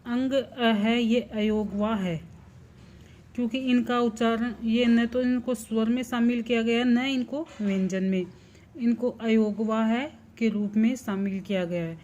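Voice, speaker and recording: A woman teaching a primary class, explaining slowly and deliberately, spelling out sounds one at a time and answering her own questions. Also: a little high, fairly even intonation, darkish tone, dull audio. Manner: slow and deliberate, asks the class questions and answers them herself. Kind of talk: slow explanatory lesson.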